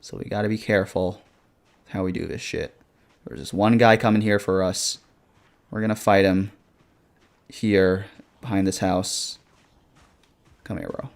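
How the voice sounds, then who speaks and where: A man's voice: low voice, fairly even intonation, a little slow, pauses often. A man streaming a horror game live, commenting casually with slang and reacting in a scared, jumpy way. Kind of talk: live gaming commentary with asides to chat.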